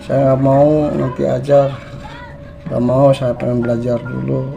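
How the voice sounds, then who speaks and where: A man's voice: mid-range voice, completely flat delivery, unhurried, creaky, warm tone, dull audio, soft background music. A man voicing a young village girl who refuses to marry. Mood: pleading. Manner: pleading, refusing. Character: teenage village girl, upset and unwilling to marry.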